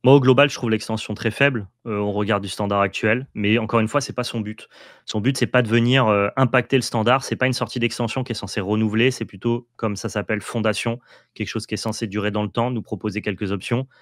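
A man co-hosts a relaxed card-game chat and states his views firmly and quickly. His voice is fairly low. The recording is dry and close. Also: no echo. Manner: quick, assertive opinions. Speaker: co-host. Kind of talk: casual card-game discussion.

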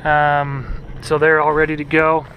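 A vlogger shows off his trailer out in open desert, giving a loose, hands-on walkthrough full of ums and uhs. His voice sits a little high and stays flat, with a slightly slow pace. His head-mounted action camera picks up obvious wind and outdoor noise, and the sound is phone-quality.

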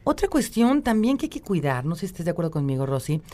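A woman's voice: on the low side, sing-song, fast, dark tone. A woman with a Mexican accent hosting a live radio talk show, upbeat, reading listener greetings and messages aloud. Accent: Mexican Spanish.

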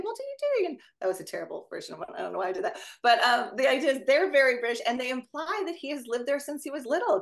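A woman's voice: fairly high pitch, vocal fry. Chatty woman leading a video call discussion. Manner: chatty, digressive, quick asides. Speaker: discussion leader. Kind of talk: casual academic discussion over video call.

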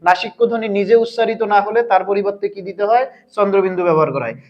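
A man with a high voice races through a language lesson on grammar, posing questions to viewers and supplying the answers. The recording sounds muffled.

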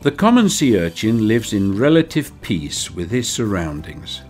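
A man reading scripted nature documentary narration in a measured, wryly playful storytelling manner. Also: lowish voice, very animated, darkish tone. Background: background music.

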